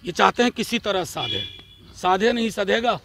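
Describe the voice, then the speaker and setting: Man, party spokesperson, combative, sarcastic, bright tense voice. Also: high-pitched, very animated, normal speed, gravelly, slight background noise. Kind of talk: press statement to reporters.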